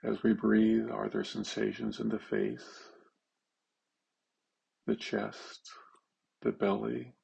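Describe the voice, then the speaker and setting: A man leading a slow guided meditation, halting, with long pauses and simple phrasing. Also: lowish voice, level tone, gravelly, mellow, husky, dull audio.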